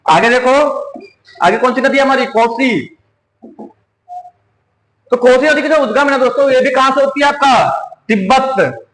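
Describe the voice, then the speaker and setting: A man's voice: very high voice, a little slow, long pauses, fairly bright tone, echoey room, poor audio. A male exam coaching teacher giving a classroom lecture, who asks quiz questions and answers them himself, repeating each key word.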